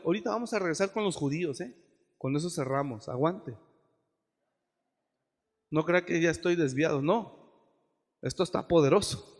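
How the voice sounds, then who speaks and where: A man preaching a sermon as pastor, acting out quotes and rising to shouted peaks. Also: on the high side. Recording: long hall reverb.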